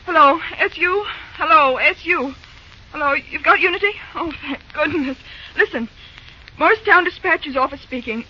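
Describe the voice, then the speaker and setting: In an old radio drama, a fretful young woman from a railroad office cries out anxious, caring exclamations in a very high, bright voice with an urgent mood at normal speed. The recording is dull and lo-fi with slight background noise.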